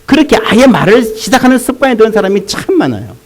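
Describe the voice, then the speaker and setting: Lively, animated male pastor preaching. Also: high voice, fast talker, rough recording. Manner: lively, rising to emphatic peaks, with jokes and asides to the congregation. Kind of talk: sermon.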